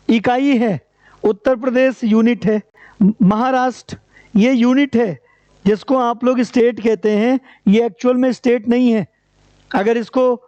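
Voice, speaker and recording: A man's voice: very high-pitched, warm tone, dry recording. A man teaching an exam-prep lecture, asking rhetorical questions and answering them himself in a repetitive, drilling way. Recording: dry, dull lo-fi recording.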